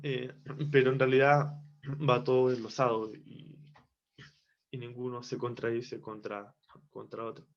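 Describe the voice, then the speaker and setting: A man's voice: mid-range voice, flat delivery. A man giving a devotional Bible teaching from Chile, reflective and repeating phrases for emphasis. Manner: slow, reflective, with restarts and emphatic repetition. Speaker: preacher. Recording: dull lo-fi recording.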